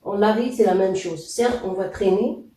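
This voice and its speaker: Man, language teacher, slow deliberate explaining, mellow dark tone, echoey room, off-mic. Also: high voice, recorded from a distance. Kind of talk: video language lesson.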